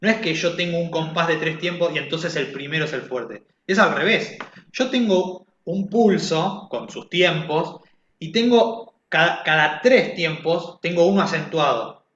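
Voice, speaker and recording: Bright-voiced man teaching music, echoey. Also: fairly high pitch, expressive, unhurried. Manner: conversational, asks "¿sí?" to check understanding. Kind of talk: online class explanation. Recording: echoey, dull lo-fi sound.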